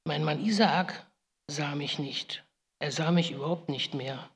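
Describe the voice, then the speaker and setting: A woman's voice: deep voice, unhurried. A woman playing Rebekka, a guilt-ridden biblical mother, in a solemn, grave first-person monologue with pleading outbursts, in a big reverberant hall. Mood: solemn lament.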